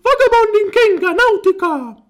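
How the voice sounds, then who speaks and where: Very high-voiced woman rambling crude comedy. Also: lively intonation. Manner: crude, chatty, fast storytelling. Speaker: host of a homemade comedy radio. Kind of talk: rambling comic monologue.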